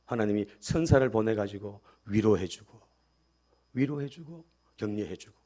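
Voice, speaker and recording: A male pastor preaching a sermon emphatically, swinging between loud outbursts and quiet asides and calling out for amens. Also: medium pitch. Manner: calls for amen and hallelujah responses.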